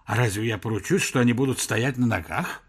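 A man's voice: a little high, sing-song, normal speed. A man voicing an irritable, fussy older male professor who talks in a testy, heated way.

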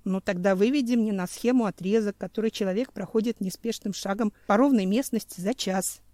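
A woman's voice: mid-range voice, fairly quick, mellow, dry recording, close to an everyday voice. A woman reading an audiobook, voicing a stubborn male geologist who grumbles with mild sarcasm. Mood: wry. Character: modern man, a geologist, wry and stubborn.

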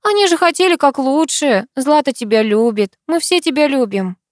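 A woman voicing a young, impulsive, affectionate married woman in an audiobook, speaking in a high, eager, emotional voice. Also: expressive, moderate pace, dry recording, clean studio sound. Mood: tender.

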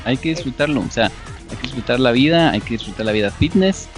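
A Guatemalan podcast host with a medium-pitched, expressive voice talks fast over music. With a Guatemalan Spanish accent, he holds forth enthusiastically and at length in a casual podcast interview.

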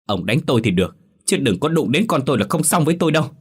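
A man voicing a furious middle-aged village mother who scolds in a shrill, sharp-tongued way, in a read-aloud ghost story. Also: lively intonation, brisk, breathy edge.

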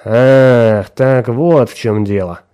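A man's voice: mid-range voice, takes it slowly, mellow, clear, resonant tone, lightly acted. A man voicing a suspicious, mocking friend who refuses to believe the caller. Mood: incredulous mockery. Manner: incredulous, sneering.

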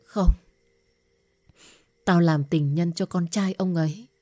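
A woman voicing a young woman who is sad and downtrodden, speaking softly through tears. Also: lowish voice, steady tone, takes it slowly. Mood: tearful.

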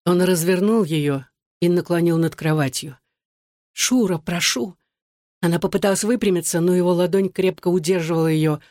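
A woman narrating a novel in an even, measured reading voice. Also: on the low side, no room sound, clean studio sound. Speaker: audiobook narrator.

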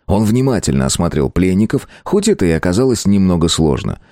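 A man narrating an audiobook in an expressive storytelling manner. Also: low voice, fairly quick, no room sound, studio quality. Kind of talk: scripted narration.

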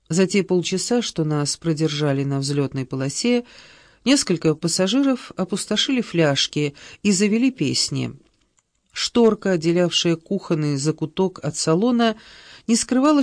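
A woman's voice: lowish voice, darkish tone, dry recording. Woman narrating an audiobook, dry sound. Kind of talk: scripted narration.

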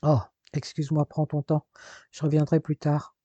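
A brooding young man in a spoken novel who dodges questions, voiced by a male reader. The voice is husky and mellow, and he keeps his answers short and dismissive. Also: fairly high pitch, completely flat delivery, moderate pace, no room sound, muffled recording, lightly acted. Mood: evasive. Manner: curt, brushing things off.

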